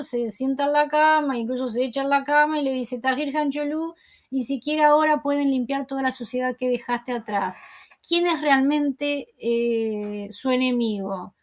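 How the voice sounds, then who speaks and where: A woman's voice: high voice, fairly bright tone. A woman host casually retelling a TV episode, chatty and conversational, with frequent asides. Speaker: TV series recap host.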